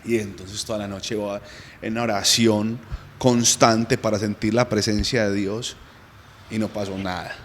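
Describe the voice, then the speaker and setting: A man with a Colombian accent casually telling a faith testimony as a guest, lively and self-mocking with frequent chuckles. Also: lowish voice, unhurried, big-room sound, slight background noise. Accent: Colombian Spanish.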